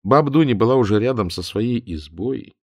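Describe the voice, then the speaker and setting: A man narrating a humorous novel as an audiobook reader, with a wry, expressive storytelling manner. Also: mid-range voice, a little fast, no room sound, studio quality.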